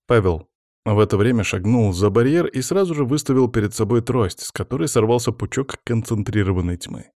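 A man reading a first-person fantasy audiobook in a measured, even manner. His voice is on the low side, and the recording is dry and close, with no room sound. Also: no room sound. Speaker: audiobook narrator. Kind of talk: scripted first-person narration.

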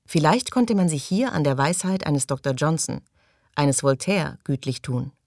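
A woman narrating an audiobook in calm, even storytelling, recorded close in a studio booth. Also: sits low, normal speed, dry recording. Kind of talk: scripted narration.

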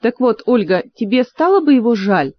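A woman's voice: on the high side, sing-song, normal speed, no echo, muffled recording, pitched above the performer's own voice. A woman doing a stern, sensible queen. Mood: explaining.

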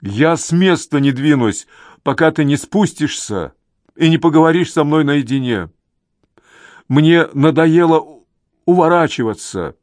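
A man voicing a desperate husband pleading loudly with his wife in an audiobook. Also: a little high, animated, measured pace, no echo, studio quality, voice pushed up. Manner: pleading, shouting.

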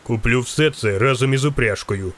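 A man's voice: medium pitch, normal speed, a bit bright, natural voice. A man voicing a menacing armored horseman who speaks in a curt, commanding way.

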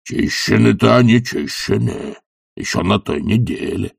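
A man's voice: lowish voice, animated, measured pace, no echo, studio quality, exaggerated voice. Man doing a whispery old grumbling servant. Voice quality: breathy, half-whispered. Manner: mumbling excuses.

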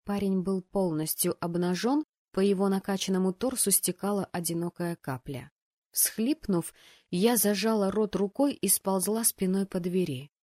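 A woman narrating a first-person fantasy story aloud, acting out the characters' lines with lively changes of voice. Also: moderate pace, no echo, studio quality. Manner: voices the rowdy students' shouts with bursts of pitch and volume. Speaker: audiobook narrator.

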